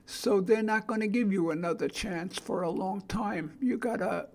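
Older female podcast host, Brooklyn accent, creaky husky voice, halting plain-spoken delivery. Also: mid-range voice, darkish tone. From Brooklyn, New York. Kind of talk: informal solo podcast talk.

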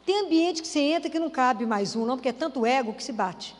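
High-voiced woman preaching in a hall. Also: lively intonation, quick pace. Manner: conversational, asks the audience rhetorical questions. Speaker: lay preacher.

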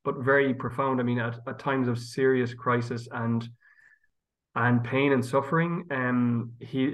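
A man's voice: mid-range voice, poor audio. A man with a west of Ireland accent talking conversationally and thoughtfully as a priest being interviewed. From County Galway, west of Ireland. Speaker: priest and guest.

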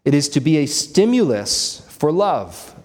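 A man's voice: on the high side, big pitch swings, measured pace, darkish tone. A man, preaching a sermon in a church, explaining scripture earnestly and asking rhetorical questions. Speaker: pastor.

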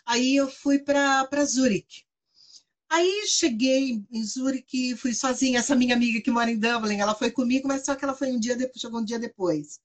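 A high-voiced Brazilian woman with a Brazilian Portuguese accent tells a story in casual conversation. She is animated and chatty, often tags her sentences and laughs between them. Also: normal speed. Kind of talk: casual chat.

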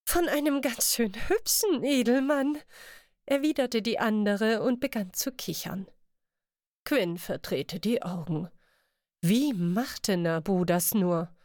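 A woman reading a fantasy audiobook in a measured, expressive way, close to the microphone. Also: on the high side, clean tone, dry recording. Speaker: audiobook narrator. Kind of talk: scripted fantasy audiobook narration.

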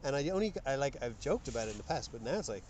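A man's voice: medium pitch, very animated, racing, a little mellow, a little hiss or hum. A man co-hosting a podcast in a casual chat, joking and blunt, cursing freely. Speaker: podcast co-host.

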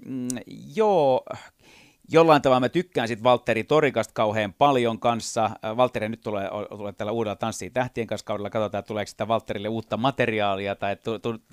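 A man who does voice impressions talks casually about his craft, often pausing and restarting as he looks for words. His voice is smooth and clear. It sounds close and dry, with no room echo. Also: mid-range voice. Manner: hesitant, many fillers and restarts, slips into impressions. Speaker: voice impressionist guest. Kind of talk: casual interview chat.

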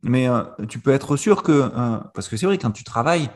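A male host leads a relaxed conversation in a middle-pitched voice. He stammers and repeats small words as he shapes his questions. His talk is loose and conversational. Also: moderate pace. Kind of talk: casual conversation.

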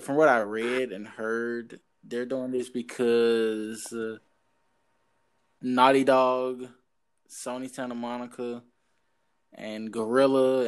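A man co-hosting a casual gaming podcast, rambling with many fillers as he searches for words. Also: medium pitch. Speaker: podcast co-host. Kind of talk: casual chat.

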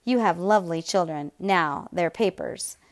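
A woman's voice: on the low side, unhurried. A woman voicing a cold male Gestapo agent who barks clipped, commanding orders.

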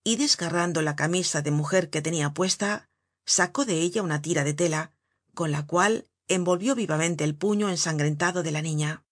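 A woman narrates a novel in a measured, even audiobook reading. Her voice is low and husky, and the sound is close and completely dry. Nothing else is heard behind her. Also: no room sound.

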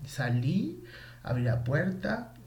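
A man with a fairly high, gravelly voice tells a winding personal story, animated and full of slang. His voice rings around an echoey room. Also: slow, highs cut off. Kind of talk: casual storytelling monologue.

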